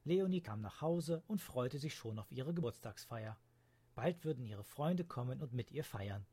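A man narrates a children's storybook at a calm, even pace. His voice sits in a middle pitch and has a slightly husky, breathy grain. The reading is gentle and steady. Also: moderate pace.

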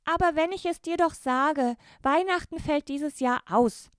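A woman's voice: high voice, unhurried, no echo, studio quality, pitched above the performer's own voice. A woman voicing a young boy, an eager older brother, who talks in a raised, insistent and breathless way.

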